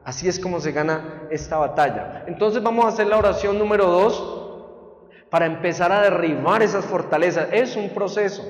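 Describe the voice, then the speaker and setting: High-voiced man preaching in a reverberant hall. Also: dull audio. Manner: animated, acts out quoted people and sound effects. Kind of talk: sermon teaching.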